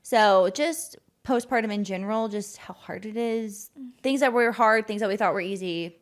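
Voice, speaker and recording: A woman's voice: mid-range voice, normal speed. A woman in her thirties co-hosting a podcast, chatting candidly and laughing as she shares her own story. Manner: candid, laughing, talks through personal story. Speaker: podcast co-host. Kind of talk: casual chat.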